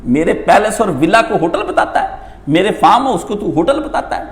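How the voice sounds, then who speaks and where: A man's voice: sits high, very animated. A man voicing an angry, proud king who scolds a beggar with scorn. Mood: scornful. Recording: echoey room.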